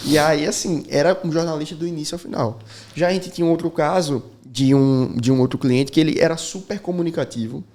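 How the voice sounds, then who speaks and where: A man hosting a casual videocast chat, telling animated stories and mimicking people. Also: on the high side, brisk. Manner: animated storyteller, mimics people mid-story. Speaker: videocast host.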